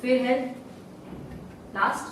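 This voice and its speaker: Woman primary teacher, slow coaxing delivery, slightly high voice, echoey room, mic a few feet off. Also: recorded from a distance, a little hiss or hum. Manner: slow, drawn-out syllables, coaxing questions answered herself. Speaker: primary school Hindi teacher. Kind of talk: recorded online lesson for young children.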